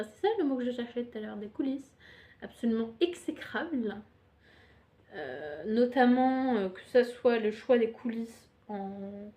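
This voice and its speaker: A woman's voice: medium pitch, mellow. A young woman casually presenting her knitting projects on camera, hesitant and full of fillers, chatty and self-mocking. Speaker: knitting podcaster.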